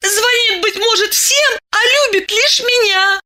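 A woman's voice: very high voice, unhurried, bright, forceful tone, pitched above the performer's own voice, full character voice. A woman voicing a lovestruck, emotional young woman who talks fervently and pleadingly in an audiobook. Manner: fervent, pleading, tearful at times. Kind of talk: audiobook character voice.

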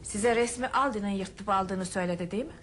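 A woman in a radio play voices a rich family's daughter, calm, determined and distrustful, delivering her lines in a firm, formal manner with a cool, accusing mood. Her voice is medium-pitched and brisk, close to everyday speech, with background noise.

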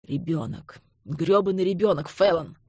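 An enraged young man who speaks harshly through clenched teeth, as a woman reads him in an audiobook. The voice is low and mellow. It is recorded dry and close. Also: animated, normal speed, slightly rough, dry recording. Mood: furious.

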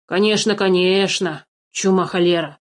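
A woman voicing a sly, greedy male dwarf who guards cave treasure, with a wheedling, drawn-out manner, in a storybook reading. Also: medium pitch, darkish tone, close to an everyday voice.

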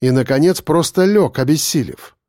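A man narrating a first-person story as an audiobook, in an expressive, dramatic reading. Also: fairly high pitch, normal speed, no echo, clean studio sound.

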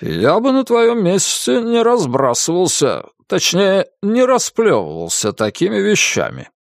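A man voicing a good-natured, flustered male character in an audiobook, gentle and coaxing. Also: sits high, wildly swooping pitch, a little slow, vocal fry, dry recording, clean studio sound, voice pushed up, exaggerated voice.

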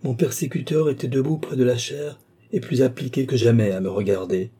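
A man's voice: mid-range voice, brisk, mellow, slightly rough, close to an everyday voice. Lorenza, a haunted young woman read by a man. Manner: urgent, dramatic first-person telling. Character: distraught young woman recounting a dark abduction.

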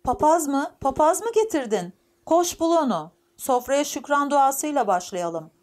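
A woman voicing a shrill, pious old grandmother in an audiobook, who talks in an insistent, excitable way. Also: normal speed. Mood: fiery.

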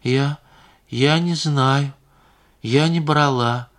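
A man's voice: medium pitch, extremely slow, fairly bright tone, voice pushed up. A male audiobook reader voicing an evasive young woman, a singer, who answers defensively. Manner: defensive and whining. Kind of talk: audiobook character reading.

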